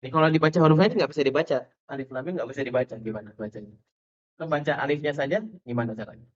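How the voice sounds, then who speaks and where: A man giving a teacher-training lesson on Quran recitation rules, quizzing his listeners and spelling out letter names slowly. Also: mid-range voice. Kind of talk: teacher training lecture on tajwid. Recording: dull lo-fi lecture recording.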